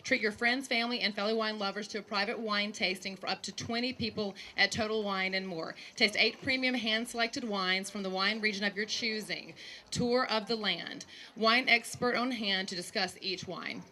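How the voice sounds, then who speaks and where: A woman's voice: medium pitch, steady tone, moderate pace, bright, forceful tone. A woman emceeing a charity auction, reading out each item's details in an upbeat way. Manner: upbeat, reads item details aloud. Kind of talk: announcing auction items.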